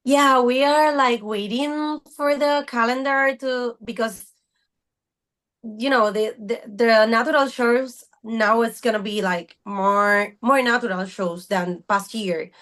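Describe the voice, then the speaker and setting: Woman, thirties, podcast guest, earnest, searching for words, unhurried, somewhat high voice. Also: fairly bright tone. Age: 30s. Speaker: podcast guest, fitness coach. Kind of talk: casual interview talk.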